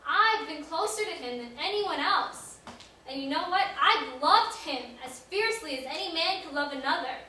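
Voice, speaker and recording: A woman's voice: a little high, steady tone, unhurried, a bit bright, slight background noise. A woman acting the part of a remorseful male apostle in a church drama monologue, earnest and building to pleading cries, heard from a distance in an echoey hall. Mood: anguished. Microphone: far room mic.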